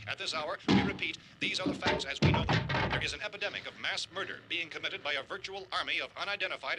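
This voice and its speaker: An actor playing a formal radio newsman reading an emergency bulletin in a 1960s film, with crisp announcer delivery. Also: on the high side, lightly acted, rough recording. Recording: old film soundtrack under music.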